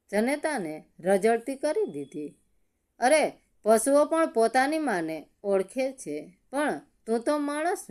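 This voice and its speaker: A woman voicing a stern old village headman who scolds a son with heavy disapproval. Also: a little high.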